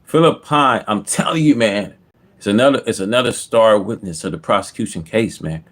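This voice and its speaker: A man's voice: lowish voice, normal speed, fairly bright tone. A man giving casual, unscripted online commentary in a repetitive, slangy, conversational way.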